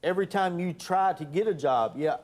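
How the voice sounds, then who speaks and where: A man's voice: high-pitched, a little fast, darkish tone. A man speaking as a litigant on a TV court show, complaining in an aggrieved way. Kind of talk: unscripted courtroom testimony.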